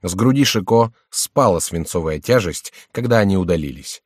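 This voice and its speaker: A man narrating a novel in measured, even storytelling. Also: low voice, no room sound, clean studio sound. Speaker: audiobook narrator.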